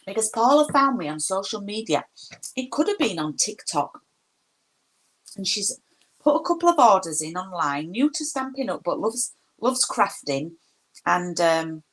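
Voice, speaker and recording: The audio is poor, but her voice comes through on the low side with a fairly bright tone. She's a middle-aged woman from Yorkshire, England, with a Yorkshire accent, chatting casually on a craft live stream from her home craft room and greeting viewers by name.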